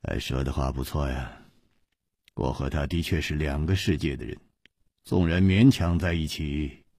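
A calm, brooding male hero from a spoken martial-arts story, read by a male storyteller. His voice is low, soft and measured, with a husky edge and dry closeness. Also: dry recording, exaggerated voice. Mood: pensive.

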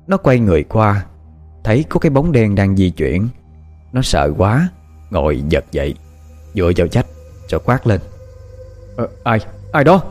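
A man narrating a horror story with expressive, dramatic pacing. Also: lowish voice, moderate pace, pauses often. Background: faint music.

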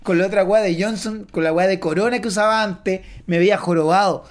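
This Chilean man, speaking with a Chilean Spanish accent, delivers a pompous, boastful comic political character monologue and swears freely. His voice is high and steady, and he talks fairly quickly.

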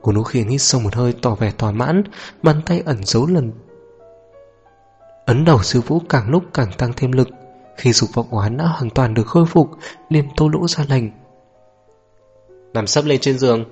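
Man, audiobook narrator, steady, husky, faint background music. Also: medium pitch, normal speed. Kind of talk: scripted narration of a romance novel.

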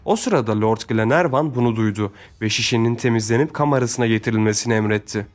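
A man narrating an adventure novel in a steady storytelling manner. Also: fairly low pitch. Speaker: audiobook narrator. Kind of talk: scripted narration.

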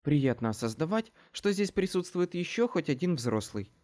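A man's voice: on the high side, sing-song, moderate pace. A man reading an audiobook, voicing a prim older mother who scolds her grown daughters in a genteel way. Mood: reproachful. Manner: genteel, gently reproachful.

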